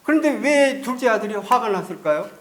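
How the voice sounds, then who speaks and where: A man's voice: high voice, lively intonation, brisk, fairly bright tone. A male pastor preaching a Sunday sermon in a church, putting rhetorical questions to the congregation. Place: church sanctuary.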